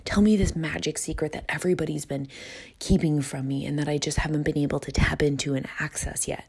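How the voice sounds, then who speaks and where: A woman's voice: sits low, fairly even intonation, a little fast, creaky, a little mellow, breathy edge. A woman hosting a solo self-help podcast, speaking earnestly and reflectively, often rephrasing and repeating herself for emphasis. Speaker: podcast host and coach.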